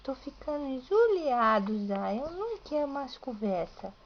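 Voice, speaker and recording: A woman's voice: sits high, sing-song, unhurried, lo-fi sound, slight background noise, exaggerated voice. A woman voicing her baby son as a fussy, grumpy little boy, in baby talk. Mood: fed up. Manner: baby talk, speaking his thoughts aloud. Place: home.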